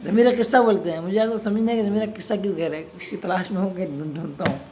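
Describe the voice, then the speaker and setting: A man's voice: high-pitched, darkish tone, slight background noise. Man teaching, quizzing his class. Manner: keeps quizzing students with questions and answering them himself; reads Arabic passages slowly and deliberately. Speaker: religious studies teacher. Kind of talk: classroom lesson explaining Arabic grammar of scripture.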